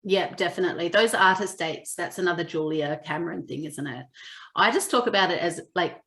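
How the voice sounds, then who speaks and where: Low, gravelly-voiced woman co-host. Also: fairly quick, fairly bright tone, echoey room. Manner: chatty storyteller, acts out quoted lines. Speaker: podcast co-host. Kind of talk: casual chat.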